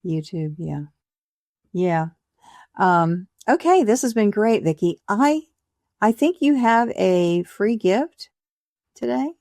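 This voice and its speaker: A woman's voice: mid-range voice, lively intonation, slow pace, pauses often, darkish tone, no echo, studio quality. A woman hosting a podcast interview, chatty and encouraging, laughing easily. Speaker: podcast host. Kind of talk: casual interview chat.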